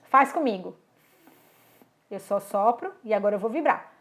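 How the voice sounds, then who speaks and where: A woman with a Brazilian accent teaching English through song lyrics, reading out English lines slowly and demonstrating pronunciation. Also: medium pitch, expressive, fairly bright tone. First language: Portuguese. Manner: slow, deliberate explanations, sounds out English words and lyric lines.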